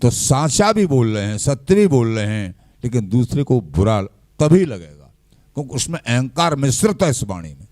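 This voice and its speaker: A man giving a slow, measured devotional discourse, often quoting scripture verses. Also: mid-range voice, dry recording, studio quality. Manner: slow, measured, quotes verses and scripture in a lively rise and fall. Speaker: spiritual teacher.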